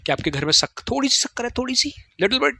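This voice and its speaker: A man's voice: very high-pitched, sing-song, fast talker, sharp tone, voice pushed up, full character voice. A man voicing a middle-aged neighbour aunt who politely coaxes to borrow a little of something. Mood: coaxing. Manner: coaxing, asking politely for a little.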